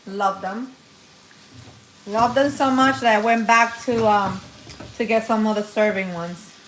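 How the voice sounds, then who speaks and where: On a relaxed live cooking stream, a Dominican woman in her forties keeps up a chatty conversation with viewers from her home kitchen. Her pitch is medium and her pace measured. Audio quality is low, the sound roomy, with slight background noise.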